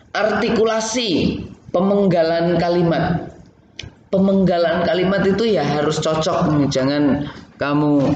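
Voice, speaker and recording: Slow-spoken man teaching in an echoey room. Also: fairly high pitch, a little mellow, a little hiss or hum. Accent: Indonesian. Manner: slow, explanatory, addresses students directly. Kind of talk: theater lesson. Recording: echoey room, slightly dull sound.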